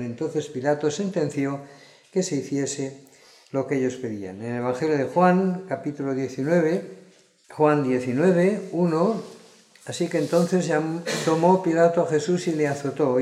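A male preacher reads scripture and preaches in an earnest, emphatic voice. His tone is mellow but pitched a little high for a man. The sound carries a roomy echo. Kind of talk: sermon with scripture reading.

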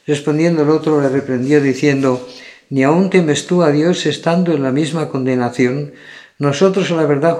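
A man reading Bible passages aloud in a measured way, raising his voice on the quoted cries. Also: fairly high pitch, a little mellow. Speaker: scripture reader.

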